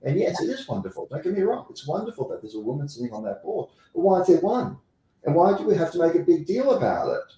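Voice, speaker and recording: With huge swings in pitch and a fast delivery, this South African company president speaks emphatically as an interview guest, repeating phrases for effect. His voice is on the high side yet dark in tone, and the rough recording is reverberant.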